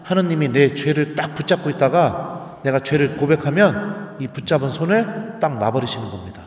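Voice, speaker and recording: Priest guy preaching in a big echoey church, chatty and animated. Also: fairly high pitch. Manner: storytelling, animated, uses dialect endings for humor. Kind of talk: sermon.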